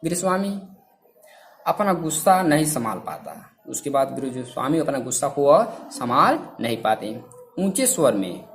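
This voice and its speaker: Lively-voiced man explaining a story. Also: medium pitch, normal speed. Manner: repeats and quizzes the class. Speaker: teacher. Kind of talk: reading and explaining a story to a class.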